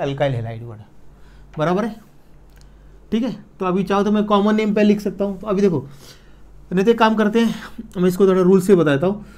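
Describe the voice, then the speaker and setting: A man teaching chemistry in an exam-prep lecture, repeating key slowly and checking in with his students. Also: high-pitched, mellow. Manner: repeats key words slowly, counts aloud, checks in with the listener.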